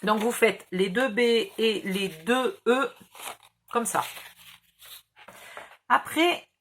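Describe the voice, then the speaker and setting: A woman's voice: on the high side, very slow, a bit bright, slight background noise. Chatty woman with a southern French accent. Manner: chatty, patient, explains each gesture. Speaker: craft tutorial host. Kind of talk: step-by-step craft instructions.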